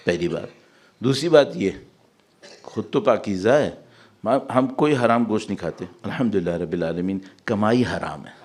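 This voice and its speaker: A man's voice: lowish voice, darkish tone. A male preacher giving a Muharram sermon in a large hall, reciting verses and putting questions to the listeners. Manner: mixes English words into Urdu speech. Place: large mosque hall with a congregation.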